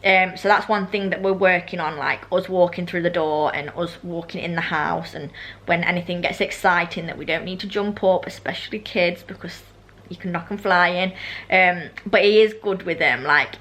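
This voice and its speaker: A woman's voice: fairly low pitch, moderate pace, a bit bright. A young British woman chatting casually and ramblingly in a vlog, her speech slightly slushy from braces with elastic bands. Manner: rambling, self-interrupting, informal. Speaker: vlogger.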